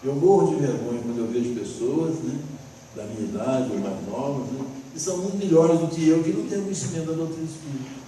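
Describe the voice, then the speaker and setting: A man's voice: mid-range voice, animated, fast, dark tone, a little hiss or hum. A middle-aged man with a Brazilian Portuguese accent gives a spiritist lecture in a folksy way, often ending with tag questions. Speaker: spiritist speaker. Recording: roomy, distant hall recording.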